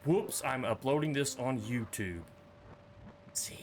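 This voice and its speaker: A streamer playing a horror game gives casual commentary, reading the on-screen text aloud and tossing in joking, offhand asides. His voice is medium-pitched and a little slow.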